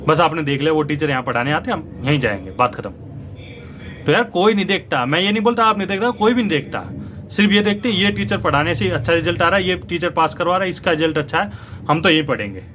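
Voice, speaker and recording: A man's voice: fairly high pitch, expressive, fast talker, a bit bright, slight background noise. A young man giving opinionated, lecturing commentary straight to his viewers as a news channel host. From India. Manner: lecturing, argumentative, addresses viewers directly.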